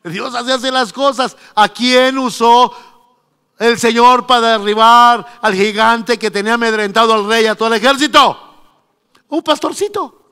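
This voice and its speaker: A man's voice: extremely high pitch, fairly even intonation, moderate pace, sharp tone, clear, resonant tone. A man preaching a sermon, emphatic and storytelling. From Mexico. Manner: storytelling, emphatic, acting out quotes. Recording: long reverb of a church hall.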